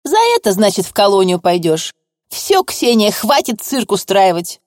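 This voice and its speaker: A woman voicing a stern older female court assessor who bullies a witness in a shrill, pushy tone. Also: expressive, normal speed, a little mellow, no echo, clean studio sound, natural voice. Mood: bullying. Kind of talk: audiobook reading.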